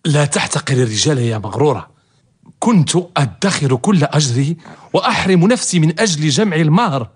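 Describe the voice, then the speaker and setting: Husky, animated servant suitor. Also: male voice, a little high, a little fast. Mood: boastful. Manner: theatrical, expressive. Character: male servant, cunning, devoted, eager suitor. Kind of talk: radio drama acting in formal Arabic.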